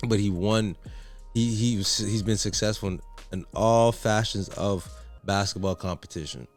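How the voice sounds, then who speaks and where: A man chatting casually about basketball as co-host, animated and slangy, joking and repeating himself. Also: on the low side, normal speed, soft background music. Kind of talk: casual sports chat.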